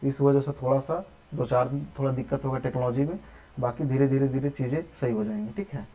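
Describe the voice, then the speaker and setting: Patient Hindi maths teacher, repeating steps. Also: male voice, mid-range voice, fairly even intonation, quick pace, dark tone, low-quality recording. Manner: patient, repeats steps, says "ठीक है" often. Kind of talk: live online maths lesson.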